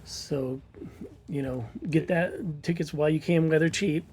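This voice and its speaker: Here a man from Missouri speaks at a moderate pace, his voice on the high side, fairly even in intonation and a little mellow, with some hiss or hum in the recording. As co-host of a casual podcast and organizer of a convention, he promotes it in a meandering, um-filled way.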